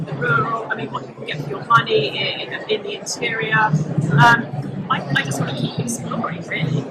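Lady journalist rambling with lots of ums, low quality live recording, super noisy exhibition hall behind. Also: steady tone, brisk. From Britain. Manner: chatty, lots of ums and restarts. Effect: low-quality live recording with loud background noise. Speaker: property journalist, podcast guest. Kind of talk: casual interview chat. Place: busy indoor property exhibition hall. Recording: loud crowd noise from a live show.

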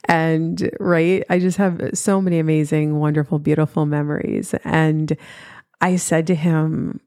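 Low-voiced woman podcast host, earnest. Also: little pitch movement, a little slow, warm tone, no room sound, clean studio sound. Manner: earnest, emphatic, repeats key points. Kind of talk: motivational podcast monologue.

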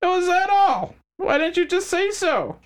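A man voicing a sadistic, mocking male crime boss with a high-pitched, squealing voice. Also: big pitch swings, measured pace, heavily acted. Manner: mocking, smug and menacing.

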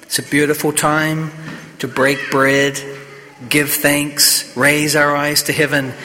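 Bright-voiced clergyman in cathedral echo. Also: fairly high pitch, completely flat delivery, takes it slowly, a little hiss or hum. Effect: cathedral echo, long church reverb. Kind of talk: Gospel reading and homily at Mass. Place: large church. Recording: long echo of a large church.

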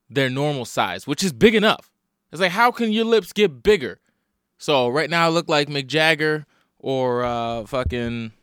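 A man hosts a loose comedy podcast with a split, swollen lip, tired and hungover. His voice is clean and smooth, recorded close and dry. He rambles casually, swearing freely and poking fun at himself. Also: medium pitch, a bit bright, no echo. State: swollen, bruised upper lip. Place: at home in a basement.

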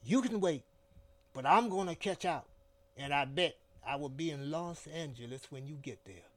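A man doing a gruff, blunt drifter. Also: fairly high pitch, expressive, moderate pace, close to an everyday voice. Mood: impatient. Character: gruff adult male drifter, blunt, impatient.

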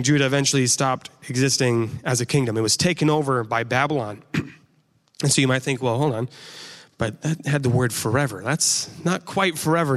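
Joking preacher man in a reverberant hall. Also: mid-range voice. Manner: conversational, joking, acts out quoted voices. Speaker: pastor. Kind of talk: sermon.

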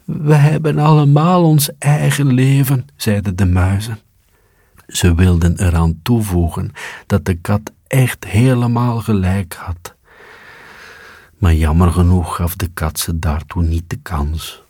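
Slow, deep-voiced male storyteller. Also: breathy edge, no echo, clean studio sound. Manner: calm, measured, storytelling. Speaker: narrator. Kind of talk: storybook reading.

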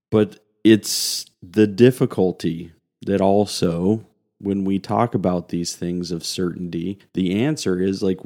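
A man who is a pastor, talking through a daily devotional podcast in a casual, conversational way, often asking "right?" and laughing softly. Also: low voice, gravelly.

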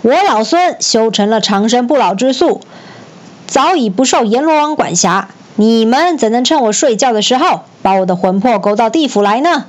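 A woman voicing a brash, furious male monkey king who shouts and scorns, in a storybook reading. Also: a little high, brisk, lightly acted.

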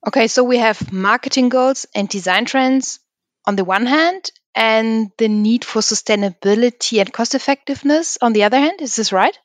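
A woman's voice: fairly high pitch, moderate pace. A woman acting as interviewer, with a close, dry sound free of room echo. She puts prepared, structured questions to her guest.

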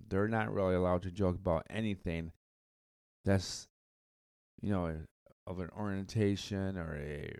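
A man hosting a solo podcast, talking casually in a halting way, repeating words and stuttering now and then. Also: low-pitched, a little mellow, clear, resonant tone, dry recording, clean studio sound. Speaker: podcast host.

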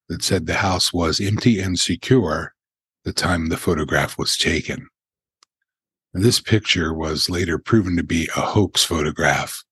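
An older man who hosts a paranormal podcast, telling stories in an unhurried way with asides, in a very deep gravelly voice. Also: a bit bright, dry recording. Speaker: podcast host. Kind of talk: paranormal countdown narration.

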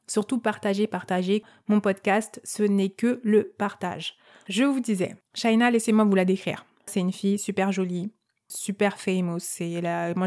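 Brief: young woman, storytelling podcast host, slangy and chatty, warm and relaxed tone. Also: medium pitch. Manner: lively, chatty, with slang and fillers.

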